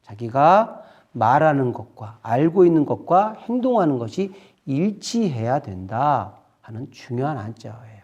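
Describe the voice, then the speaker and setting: Slow, animated man preaching to children. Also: mid-range voice, muffled recording. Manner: slow, expressive storytelling addressing children as friends. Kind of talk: children's sermon.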